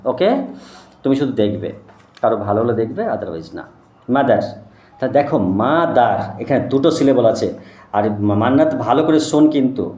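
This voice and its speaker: A man's voice: on the high side, dark tone. Man tutor spelling out English words. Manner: explains slowly, spelling out letters and syllables. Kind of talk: one-on-one English spelling lesson. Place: tuition room. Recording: echoey room.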